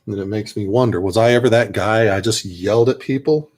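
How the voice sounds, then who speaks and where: A man's voice: fairly low pitch, fairly quick. A man chatting casually and reflectively as he paints miniatures, rambling and trailing off at times. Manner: rambling, soft-spoken, trails off. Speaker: miniature painter and army veteran.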